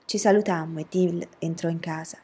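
A woman reading a novel aloud as an audiobook narrator, telling the story in an even, steady way. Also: on the low side, moderate pace, husky.

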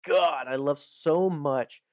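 Podcast co-host, casual movie chat, hesitant and rambling, mid-pitched voice, dry close sound. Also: takes it slowly, dry recording. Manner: rambling, hesitant, searching for words.

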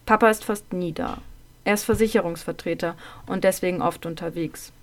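A woman tells a memoir of her own childhood in a calm, measured voice. Her sentences often sink softer toward the end. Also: on the low side. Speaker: narrator. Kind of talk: first-person storytelling of a childhood memoir.

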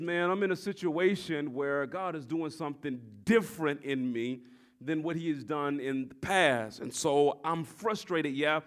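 A pastor in his forties preaching a sermon, swinging from shouted exhortation to quiet, confiding talk, and repeating his phrases. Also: on the high side. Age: 40s. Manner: repeats phrases and tells the congregation to address their neighbor.

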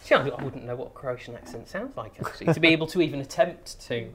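A man's voice: medium pitch, animated, fast, a crowd in the background. A man chatting as a podcast guest, a wine educator and comic who restarts phrases and tells jokes. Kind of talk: casual podcast chat. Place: studio near a busy street.

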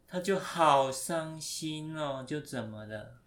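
Man, father storytelling, slow unhurried pace, gentle coaxing questions. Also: a little high, animated. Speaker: father telling a story with his child. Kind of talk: bedtime storytelling with questions to a child.

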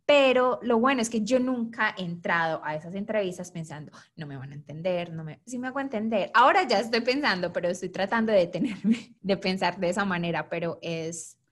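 A woman's voice: mid-range voice, a little fast, few pauses. A woman with a Latin American Spanish accent co-hosting a podcast, talking in an earnest, reflective, chatty way. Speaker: podcast co-host. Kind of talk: casual chat.

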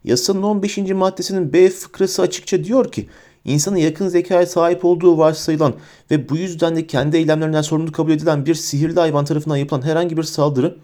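Guy putting on a squeaky stuck-up official lady, shrill, bossy, kinda scared. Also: steady tone, fast, warm tone, lightly acted. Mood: indignant. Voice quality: shrill, high-pitched. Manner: haughty, frightened and bossy. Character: shrill pompous middle-aged woman official.

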